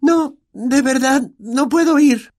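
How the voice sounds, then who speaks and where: A man doing a high, anxious teenage girl. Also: takes it slowly, darkish tone. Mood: pleading. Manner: high, pleading and evasive. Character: worried teenage witch hiding behind a door.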